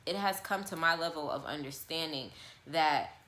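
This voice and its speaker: A young woman speaks candidly and bluntly in a personal vlog monologue, her low voice bright and forceful at a normal speed. She repeats herself for emphasis and swears casually, and the room is echoey.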